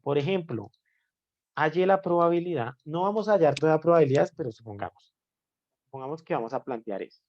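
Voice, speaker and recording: A man's voice: fairly high pitch, lively intonation, brisk, muffled recording. A man teaching math in a live online class. He explains step by step and keeps checking in with his students.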